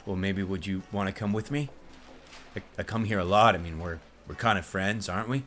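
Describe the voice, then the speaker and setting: A man's voice: sits low, a little fast, fairly bright tone. A man playing a bitter, lonely would-be action hero in a comedy sketch, blunt and defensive. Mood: sullen. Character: bitter, lonely, self-absorbed male action-hero wannabe.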